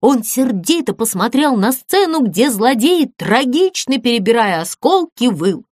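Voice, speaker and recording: A woman narrating a children's audiobook in a measured, expressive storytelling manner. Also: on the high side, no echo, studio quality.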